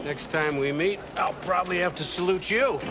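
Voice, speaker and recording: A man playing a gruffly jovial military recruiting officer in a film. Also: sits high, moderate pace, lightly acted. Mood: wry, approving. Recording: film soundtrack with clear background noise.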